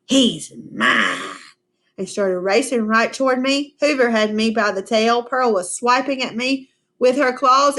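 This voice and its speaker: A woman teacher reading a storybook aloud to children, pausing to ask them questions and explain words. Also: fairly high pitch. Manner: expressive, asks the children questions, slow and patient. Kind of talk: storybook read-aloud with class discussion.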